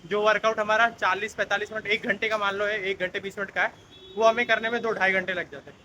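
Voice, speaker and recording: Young male vlogger, high and very bright voice, chatty storytelling rant, faint traffic behind. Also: level tone, fast, highs cut off. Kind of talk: casual vlog talk to camera. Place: Mumbai local train station and streets, outdoors.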